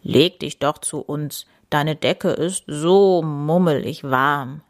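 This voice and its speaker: A woman voicing a big friendly male polar bear with a growling, slow manner in a storybook. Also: low voice, voice pushed down. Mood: cozy.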